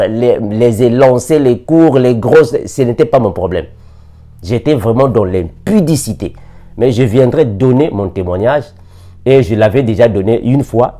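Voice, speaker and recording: A man's voice: medium pitch, dark tone. A man from Africa preaching a sermon, repeating scripture references and reading verses with emphasis.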